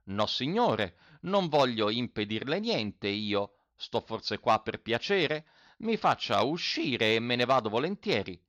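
A man voicing a sly, placid tinker who answers in a slow, mocking way. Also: medium pitch, big pitch swings, fairly bright tone, no room sound, pitched above the performer's own voice. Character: sly placid male tinker inside a jar.

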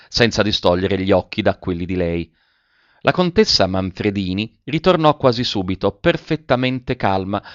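A man with a lowish voice reads a literary story aloud in a measured, even manner. The recording is dry with no room sound, and slightly dull in tone. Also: dry recording. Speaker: narrator. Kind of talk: scripted literary narration.

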